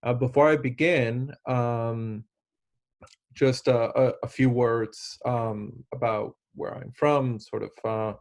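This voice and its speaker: A man's voice: medium pitch, fairly even intonation, slow, darkish tone. A man in his thirties from Argentina, giving an online lecture in an earnest way with many fillers and restarts. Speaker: instructor.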